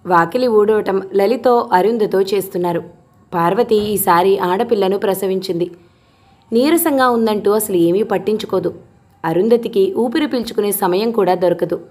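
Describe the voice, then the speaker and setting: A woman narrating a novel as an audiobook, voicing the characters in a gentle, measured storytelling manner. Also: mid-range voice.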